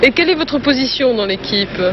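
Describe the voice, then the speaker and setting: A woman's voice: sits high, animated, a little fast, noisy background. A female interviewer asking brief, polite questions. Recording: muffled old outdoor news footage.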